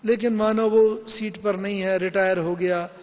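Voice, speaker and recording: A man giving a spiritual class, explaining slowly and quoting teachings in a gentle voice. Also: high-pitched, fairly even intonation. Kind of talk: spiritual discourse. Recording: dull lo-fi audio with long hall reverb.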